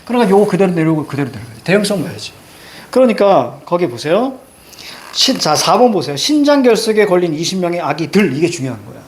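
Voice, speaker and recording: A man's voice: sits high, sing-song, fast talker, a little hiss or hum. A man lecturing to a class, drilling students with rhetorical questions and short, emphatic commands. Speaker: Korean reading teacher. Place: classroom with a blackboard.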